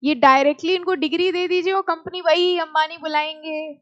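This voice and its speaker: Young woman lecturer, very high voice, playful and quizzing in a classroom. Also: fairly even intonation, dull audio. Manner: questions and teases students, reads slowly. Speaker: teacher.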